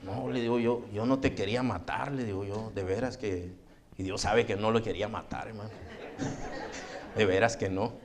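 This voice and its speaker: A man's voice: fairly low pitch, fairly even intonation, moderate pace, noisy background. A man preaching a sermon, telling a personal story and often calling his listeners brother. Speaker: pastor.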